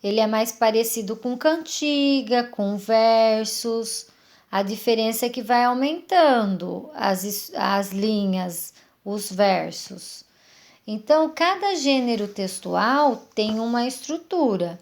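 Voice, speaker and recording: Slow, patient woman teacher. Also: a little high, lively intonation. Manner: patient, explaining step by step with questions. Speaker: primary school teacher. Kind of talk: slow remote lesson for young children.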